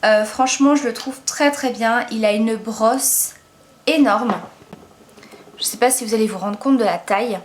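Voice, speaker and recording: A woman's voice: a little high, unhurried, slight background noise. A woman giving a casual makeup product review as a beauty vlogger, chatty and enthusiastic, with lots of hesitant fillers. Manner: enthusiastic, gushing about products.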